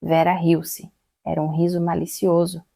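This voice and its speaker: Low gravelly woman narrating a story. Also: flat delivery, normal speed, warm tone, no echo. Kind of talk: first-person story narration.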